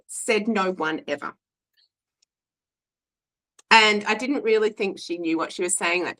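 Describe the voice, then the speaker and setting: A woman in her forties from Australia tells a personal story openly, her voice fairly low with a slight brightness. She's chatty and frank, restarting sentences, using fillers, and acting out the voices of people she quotes. The audio quality is poor.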